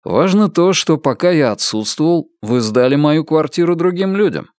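A man voicing a firm young man who speaks calmly, coldly and insistently. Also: fairly high pitch, normal speed, no room sound, studio quality, pitched above the performer's own voice, natural voice. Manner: calm, cold and insistent.

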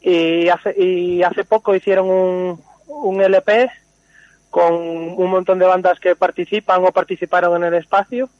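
A high-pitched man heard over the phone as a caller to a live radio show. He talks in an easygoing, halting way with plenty of fillers. The line sounds dull and muffled. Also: flat delivery, dry recording. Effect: over the phone, live call into a radio show. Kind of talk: casual chat.

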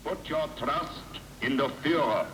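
Stern occupation announcer on a car loudspeaker, slow and formal, heard from far off. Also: male voice, fairly high pitch. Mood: commanding. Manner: slow, formal, commanding proclamation. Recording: distant loudspeaker with background noise.

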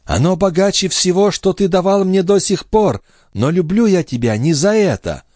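A man voicing Lorenza, a passionate, sorrowful young clairvoyant wife, in a high, imploring, tearful tone in an audiobook reading. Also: expressive, normal speed, darkish tone, dry recording, studio quality. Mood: wistful.

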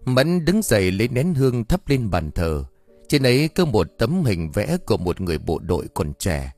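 A man narrating an audio story in a steady, even storytelling manner. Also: fairly low pitch, normal speed, no echo, soft background music. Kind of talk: scripted narration.

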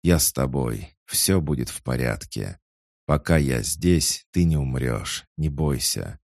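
A man voicing a wounded, defiant male swordsman who growls and shouts his lines in a dramatic story. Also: very deep voice, animated, slow, creaky, no echo, clean studio sound, heavily acted. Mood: defiant roar.

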